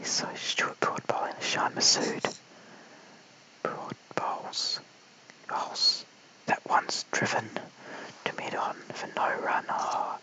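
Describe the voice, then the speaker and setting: A man with an Australian accent whispering eager live cricket commentary late at night at home, calling each delivery. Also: rough recording.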